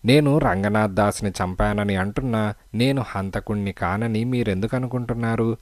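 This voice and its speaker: A man's voice: on the low side, normal speed, no echo, natural voice. A man reading the part of a frightened, meek family man in an audiobook, speaking in a pleading way.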